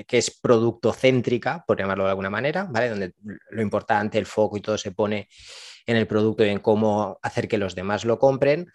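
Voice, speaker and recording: A man's voice: fairly low pitch, dry recording. A middle-aged man with a Spain Spanish accent, casually recommending business books as podcast co-host, rambling with fillers and self-corrections.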